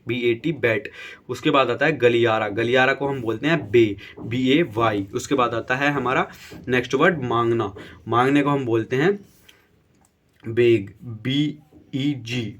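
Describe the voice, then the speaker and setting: A man teaching English vocabulary, slowly spelling each word letter by letter and often checking in with his viewers. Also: mid-range voice, fairly bright tone. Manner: spells words letter by letter, repeats "theek hai". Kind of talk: slow dictation-style vocabulary lesson.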